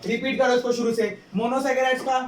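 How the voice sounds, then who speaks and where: With an extremely high pitch and flat delivery, a male chemistry teacher talks fast as he lectures, repeating points and firing questions at students. The audio is echoey and distant, with student chatter in the classroom.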